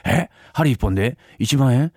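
A man voicing a flustered male jester in a comic storytelling routine who stammers, pleads and protests quickly. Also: medium pitch, lively intonation, a little mellow, dry recording, studio quality. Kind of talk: rakugo storytelling.

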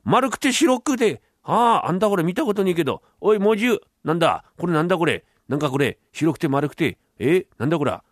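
Man playing panicky rustic villager men, high, loud, rough country dialect, dry close mic. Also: very animated, brisk, hardly any pauses, no echo. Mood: alarmed. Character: excitable rustic male villagers, loud and alarmed.

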